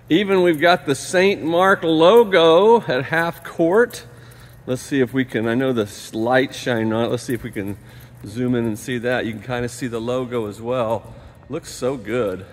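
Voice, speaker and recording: A man giving an enthusiastic, rambling walkthrough of a new church and school building, filming on a handheld phone as he walks the empty halls and gym. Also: medium pitch. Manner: enthusiastic, rambling, often drops to a mutter. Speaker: parish staff member giving a building tour. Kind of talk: casual walkthrough narration. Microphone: handheld phone camera, speaker off screen.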